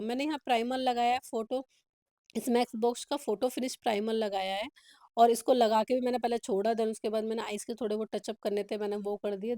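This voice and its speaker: A woman's voice: a little high, dark tone, no room sound, studio quality. A woman makeup artist from India, talking through a makeup tutorial in a chatty, instructive way, mixing in English words.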